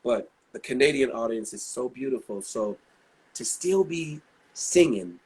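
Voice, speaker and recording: A man in his sixties, a singer, appears as an interview guest with a husky voice pitched mid-range for a man. Expressive and a little slow, he rambles chattily through anecdotes full of asides.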